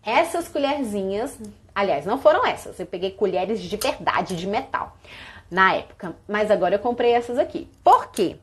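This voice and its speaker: A woman's voice: mid-range voice, animated, moderate pace. A Brazilian woman teacher live-streaming a class demo, showing other teachers activities with props and sung greetings. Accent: Brazilian Portuguese. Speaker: early childhood teacher.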